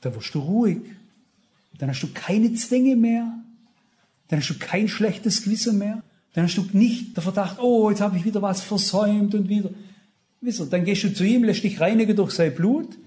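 A man's voice: high voice, lively intonation, moderate pace, dark tone. A male preacher giving a sermon, emphatic and repetitive, speaking straight to his congregation.

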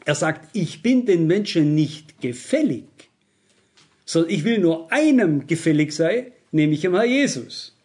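A man's voice: on the high side, big pitch swings, measured pace, darkish tone. A middle-aged man preaching a sermon, emphatic and turning to his listeners with rhetorical questions.

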